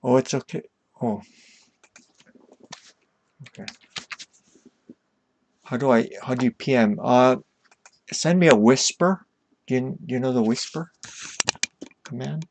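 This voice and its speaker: A man casually chatting with viewers on a live stream while going through shogi puzzles, talking them through at an easy, unhurried pace. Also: medium pitch, darkish tone, slight background noise. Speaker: streamer teaching shogi problems.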